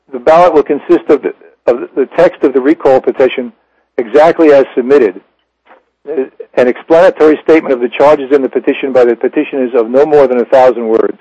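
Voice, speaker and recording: A man chairing a meeting and reading motions aloud, his voice breaking up and sounding underwater over a bad phone connection, with halting fillers and restarts. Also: mid-range voice, mellow, dry recording. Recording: muffled lo-fi phone line.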